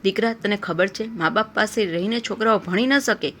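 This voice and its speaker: A woman's voice: medium pitch, normal speed, a bit bright, a little hiss or hum, lightly acted. A woman voicing a poor, devoted mother who speaks tenderly and consolingly to her son in a storybook tale.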